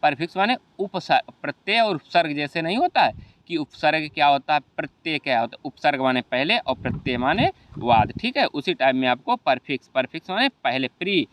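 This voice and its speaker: A man's voice: on the high side, lively intonation, fairly quick, fairly bright tone. A man with a Hindi accent teaching an exam revision lesson, often asking rhetorical questions and adding "okay, brother.". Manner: repeats rhetorical questions and "ठीक है भैया".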